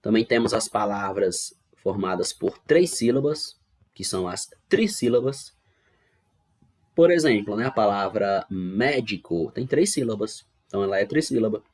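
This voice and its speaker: Recording at home for an online class, a man with a Brazilian Portuguese accent teaches grammar, patiently explaining each step and often checking that students follow. His voice is lowish and a little mellow, with lively intonation at a normal speed.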